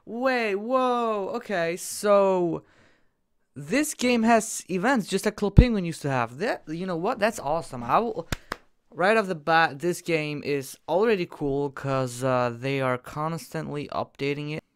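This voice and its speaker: A young gaming YouTuber comments casually as he plays a computer game, excitable and jokey, leaping between loud bursts and quiet mumbles. His voice is smooth, on the high side, and slow.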